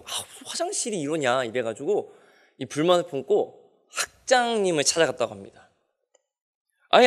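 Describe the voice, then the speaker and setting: A male pastor preaching to his congregation. His voice sits a little high and rises and falls with great animation. He jokes and trades questions with the listeners. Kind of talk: sermon.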